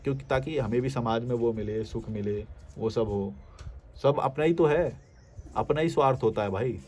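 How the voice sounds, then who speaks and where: A man's voice: medium pitch, moderate pace, a little mellow. A man in a casual rant reacting to viewer comments, scornful and blunt, firing rhetorical questions at the listener. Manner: scornful, mocking, blunt and coarse. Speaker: social media commentator.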